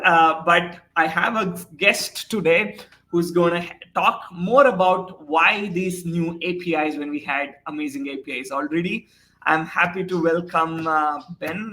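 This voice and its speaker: A man's voice: on the high side, pushed and bright, poor audio. A man in his forties hosting a live product show over a video call, enthusiastic but hesitant and full of fillers. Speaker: host.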